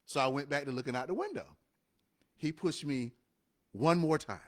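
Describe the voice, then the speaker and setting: A man co-hosting a casual motivational talk show tells stories with real emphasis. His voice sits a bit high for a man and swings widely in pitch, so every point he makes lands with energy. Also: normal speed. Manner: animated, emphatic storytelling. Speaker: co-host of a live show and podcast.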